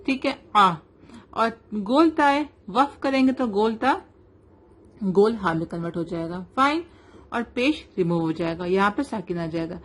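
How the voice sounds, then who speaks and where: A young woman teaching Quran recitation rules, patiently spelling out letters slowly and mixing English into her explanations. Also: medium pitch, expressive. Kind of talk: tajweed lesson, slow drilling.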